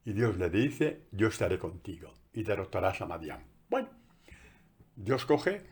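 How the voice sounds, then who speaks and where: A man preaching a homily, animatedly acting out biblical dialogue with big jumps in pitch. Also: slightly rough.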